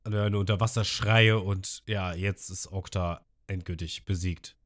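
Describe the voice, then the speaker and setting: A man hosting a podcast, casually recapping an episode in animated fashion and acting out characters. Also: low voice, normal speed. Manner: animated retelling, acting out characters, laughs a lot. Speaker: podcast host.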